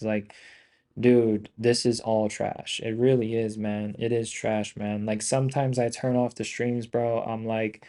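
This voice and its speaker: A man with a relaxed, dark-toned voice of medium pitch talks to his livestream viewers as a day trader. His delivery is casual and slangy, full of swearing, and he rambles and circles back over the same complaints. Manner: rambling, repetitive venting.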